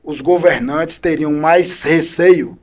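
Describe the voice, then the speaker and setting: Emphatic high-voiced politician. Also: male voice, slow pace. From Bahia, Brazil. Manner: combative, emphatic criticism with repeated rhetorical questions. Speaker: politician guest. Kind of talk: podcast interview.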